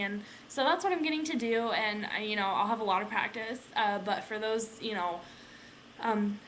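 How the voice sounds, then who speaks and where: A young American woman, an aviation student, chats informally in a casual vlog, rambling and sprinkling in fillers like "like" and "you know." She's a young adult with a highish, bright voice and a forceful tone. The low-quality recording has slight background noise.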